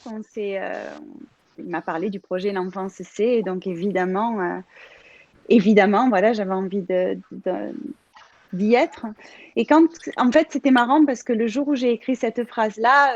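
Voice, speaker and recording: A woman's voice: a little high, no room sound. A woman in her thirties with a Marseille accent, chatting casually and hesitantly, with many fillers and restarts. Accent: Marseille French. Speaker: guest contributor. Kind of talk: casual chat. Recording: dull lo-fi audio.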